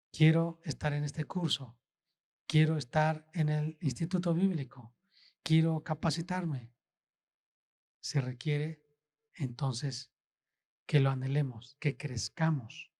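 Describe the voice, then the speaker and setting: A man preaching a sermon as a pastor, asking the congregation slow, deliberate rhetorical questions. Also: fairly high pitch, darkish tone.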